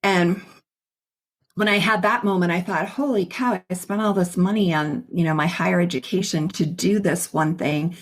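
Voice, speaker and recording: Upbeat middle-aged woman, podcast host, kinda low voice, chatty storyteller. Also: steady tone, moderate pace. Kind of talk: casual interview chat.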